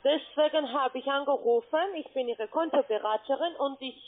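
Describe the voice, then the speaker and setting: High-voiced woman on the phone. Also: a little hiss or hum. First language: not German. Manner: halting, checks with repeated "ja?". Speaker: cold-call account adviser. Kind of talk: scripted sales phone call. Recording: muffled narrow phone line.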